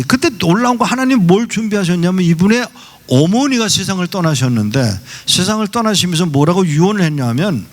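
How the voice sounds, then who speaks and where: A male pastor preaching a sermon, telling a story and acting out the dialogue in quoted voices. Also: high-pitched. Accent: Seoul Korean. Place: church sanctuary.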